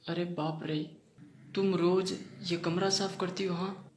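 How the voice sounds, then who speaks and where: A man's voice: high-pitched, level tone, measured pace, slight background noise. A man voicing a mischievous fairy queen in a playful, teasing read-out. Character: mischievous female fairy queen, young-seeming. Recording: roomy echoey room.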